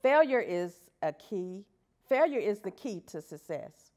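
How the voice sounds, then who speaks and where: A woman's voice: mid-range voice, very animated, unhurried, a little mellow. A woman teacher giving a prepared talk at an education event, earnest and putting rhetorical questions to the audience. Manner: reads from prepared pages. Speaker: elementary school teacher.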